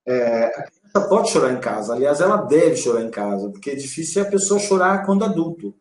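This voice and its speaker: A man giving a calm, explanatory live talk on parenting, using vivid everyday examples. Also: mid-range voice, fairly quick, reverberant. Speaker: co-host and father.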